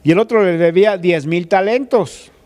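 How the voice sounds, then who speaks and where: A man's voice: high voice, moderate pace, a little mellow. A man preaching a sermon, retelling a scripture story in a conversational way and speaking straight to the listener. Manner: addresses listener directly as "tú". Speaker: pastor.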